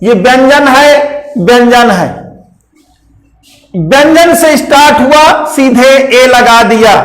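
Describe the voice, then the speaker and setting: A man teaching an English grammar lesson to students, explaining slowly and repeating key points. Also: extremely high pitch, a bit bright. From India. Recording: roomy echo.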